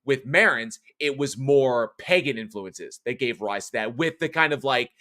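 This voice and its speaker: A middle-aged American man, born in California with a non-regional accent, hosts a horror show and works as a voice actor. His mid-range voice is expressive, pushed and bright at a normal speed. In a casual live-stream chat he rambles, reads viewer comments aloud, and often restarts or corrects himself.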